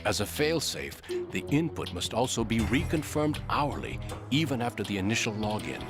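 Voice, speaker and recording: A serious informant from a video game, his voice on the low side. He lays out secret plans in measured, composed, matter-of-fact speech, with music clearly playing behind him. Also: very animated. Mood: serious, explanatory. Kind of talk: dramatic video game exposition.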